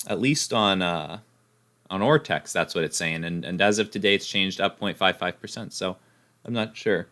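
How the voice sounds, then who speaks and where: Guy running a stock livestream, bright kinda low voice, casual and chatty. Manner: chatty, thinks aloud with fillers. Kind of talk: casual live-stream chat reading viewer comments.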